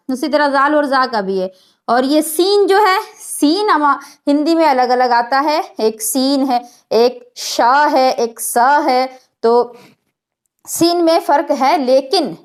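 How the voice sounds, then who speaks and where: A woman, teaching a spoken lesson on Quran letter sounds, patiently explaining and modeling each sound aloud. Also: high voice. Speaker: online Quran recitation teacher.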